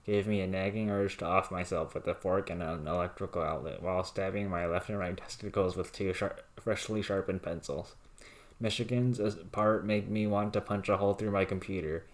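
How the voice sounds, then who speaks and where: A man reads a long text aloud in a deep, low voice. His delivery is flat and emotionless, a steady monotone. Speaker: reader of viewer rants.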